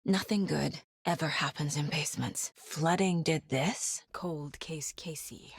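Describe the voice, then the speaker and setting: Voicing a resolute woman investigator in a game, the actress uses a husky, fairly low voice captured intimately with zero room ambience. The mood is hushed and the pace measured; though introspective, focused and naturally understated overall, the delivery comes across as exaggerated.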